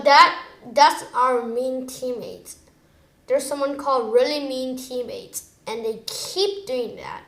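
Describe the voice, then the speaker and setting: A woman with a fairly high voice talks through her gameplay at an unhurried pace. She chats casually, switching between low mutters and sudden excited outbursts. The voice sits in a roomy, echoey space. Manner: chatty, excitable, wavers between muttering and exclaiming. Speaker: gamer. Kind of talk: gameplay commentary.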